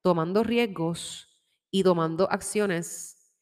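A woman giving a casual tarot reading, chatty and warm in tone, slipping English words into her talk and laughing easily. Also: lowish voice, takes it slowly, big-room sound. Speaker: tarot reader. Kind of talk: casual spiritual guidance talk. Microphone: microphone with headphones.

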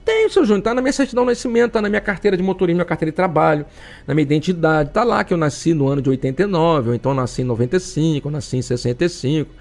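A stubborn everyday listener with a Brazilian accent insists on his age in a high, quick voice, as a man puts him on. He rattles off his papers one after another. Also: expressive, darkish tone. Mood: insistent. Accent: Brazilian Portuguese.

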